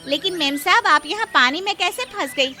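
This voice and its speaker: A woman's voice: extremely high pitch, animated, normal speed, pushed and bright, faint music behind, pitched above the performer's own voice, heavily acted. A woman voicing a poor, humble young housemaid wife who speaks pleadingly in a cartoon story.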